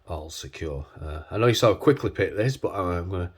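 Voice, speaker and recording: A man congested with a cold, talking casually and hesitantly as he hosts a hands-on demonstration, his voice husky from man flu. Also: low voice, animated, fairly quick. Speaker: video host.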